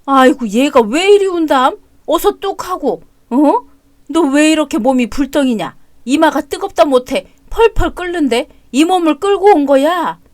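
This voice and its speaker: A fiery older mother-in-law fusses and scolds at full tilt, played by a woman. The voice is high and carries a lot of force. It is recorded close and dry. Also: expressive, normal speed, no echo. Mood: fussing. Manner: scolding, fussing, loud. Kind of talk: audio drama story reading.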